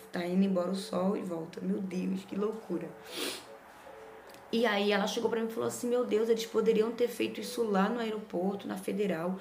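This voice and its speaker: A woman's voice: mid-range voice, gravelly, reverberant, slight background noise. A woman with a Brazilian Portuguese accent, a mother and vlogger, chatting animatedly as she tells a personal story. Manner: chatty, lively, frequent "né?" tag questions. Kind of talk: casual storytelling vlog.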